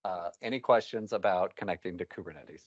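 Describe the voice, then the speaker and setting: A man's voice: sits low, a little fast, dry recording. A man presenting a technical talk to a live meetup audience, wry and rambling, with candid asides. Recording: dull, muffled meetup recording.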